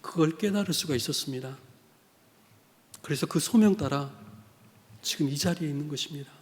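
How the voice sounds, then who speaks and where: A middle-aged man preaches in a church sanctuary. His voice sits a little high for a man, and a long reverb from the hall trails every phrase. He shifts between hushed storytelling and passionate, rising appeals. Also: brisk. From South Korea. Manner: builds from quiet storytelling to fervent exhortation. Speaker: missionary preacher. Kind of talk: sermon.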